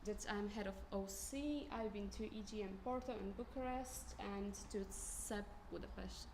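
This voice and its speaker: A woman's voice: medium pitch, normal speed. A woman in her mid-twenties, raised in Croatia, speaks to an assembly as a candidate. Her speech is loose and casual, full of fillers and restarts, with a faint hiss behind it. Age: 20s. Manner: informal, many fillers and restarts.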